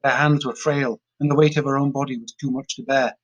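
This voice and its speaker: A man narrating a story in a steady, plain way. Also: medium pitch, brisk, rough recording. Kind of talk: storybook reading.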